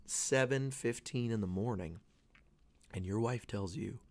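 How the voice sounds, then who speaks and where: Recording away from home in a small, dry space, a podcast host in his thirties talks solo in a rambling, earnest way, restarting often as his voice gives out. His voice is lowish and unhurried.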